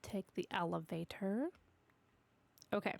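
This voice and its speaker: A young woman streams a game while stuffy and sniffly from allergies, chatting to herself and her dog as she builds in casual commentary. Her medium-pitched voice is creaky and measured in pace.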